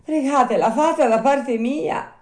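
A woman voicing a wooden puppet boy who is desperate and impatient, crying out in shrill pleas. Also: takes it slowly, darkish tone. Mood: pleading. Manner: shrill pleading cries. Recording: roomy echo.

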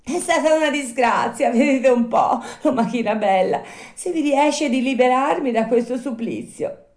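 A woman voicing a wooden puppet boy who is desperate and impatient, crying out in shrill pleas. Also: animated, moderate pace, darkish tone. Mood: pleading. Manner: shrill pleading cries. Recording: roomy echo.

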